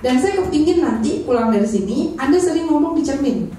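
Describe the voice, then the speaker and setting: High-voiced woman trainer in an echoey room. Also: brisk. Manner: energetic, asks the audience for agreement again and again. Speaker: public speaking trainer. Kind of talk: live training session. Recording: echoey room, speaker far from the mic.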